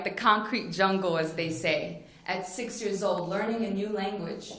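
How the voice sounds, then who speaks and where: Speaking at a forum in a very echoey conference plenary hall, a woman from Morocco shares her personal story earnestly, often saying "you know." She has a medium-pitched, fairly bright voice.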